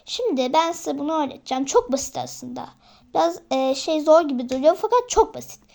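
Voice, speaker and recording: A woman's voice: sits high, expressive, a little fast, vocal fry, a little mellow. A young woman chatting casually to her viewers as friends while explaining an alphabet she is learning herself, with hesitant fillers between her points. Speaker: vlogger teaching herself Korean. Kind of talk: casual tutorial vlog.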